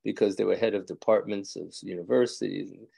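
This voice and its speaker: This older male rabbi has a thick New York accent and a gravelly, mellow, fairly low voice, talking fast with fairly even intonation. Chatting indoors on a phone or webcam video call with his evening class, he rambles, jokes, laughs often and restarts many times.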